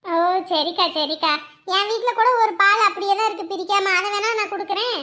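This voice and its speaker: A woman's voice: very high-pitched, brisk, pushed and bright. A woman voicing a gossipy older village neighbour, rambling sympathetically. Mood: chatty.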